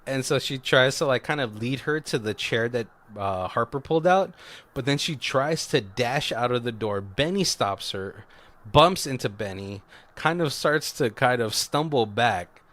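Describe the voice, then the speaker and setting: Guy on a podcast retelling a movie, doing all the characters' lines, mid-pitch voice. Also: measured pace. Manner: animated retelling, acting out characters' lines with laughs. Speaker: podcast co-host. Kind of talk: casual movie recap chat.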